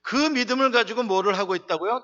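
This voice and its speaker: A man pastor preaching a sermon with emphatic rhetorical questions, swinging between loud outbursts and soft asides. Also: sits high, fast, highs cut off.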